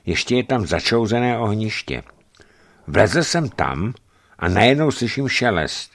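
A man narrating a travel memoir aloud in a measured, dramatic storytelling manner. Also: lowish voice, big pitch swings, fairly bright tone.

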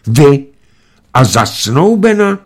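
A man's voice: medium pitch, very animated, voice pushed up. A man voicing a fretful, lamenting aristocratic mother in a storybook reading. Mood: surprised. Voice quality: wailing, whiny. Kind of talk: audiobook reading.

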